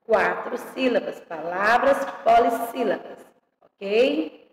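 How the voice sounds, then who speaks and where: Woman primary teacher, unhurried and tender, echoing room sound. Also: a little high, lively intonation. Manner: affectionate, drawing out each word slowly and checking in with "tá?". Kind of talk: online grammar lesson for young children. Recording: echoey room with long reverb.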